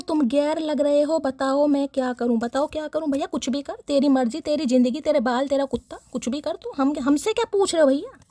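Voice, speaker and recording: A woman giving a chatty collective tarot reading, teasing and sarcastic, and talking warmly and directly to her viewers. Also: high voice, no room sound. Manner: affectionate address to audience. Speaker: tarot reader.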